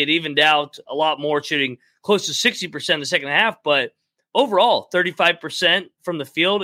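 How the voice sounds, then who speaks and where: A man in his thirties, a former college player, giving measured and upbeat game analysis on a podcast. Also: on the high side, bright, forceful tone, dry recording. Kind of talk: casual sports talk.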